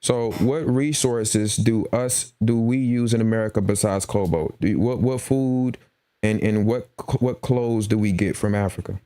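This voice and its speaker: A man's voice: lowish voice, normal speed. A man hosting a heated live debate, cutting in often and repeating himself to take control. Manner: forceful, interrupts and repeats himself. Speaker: host of a live debate stream.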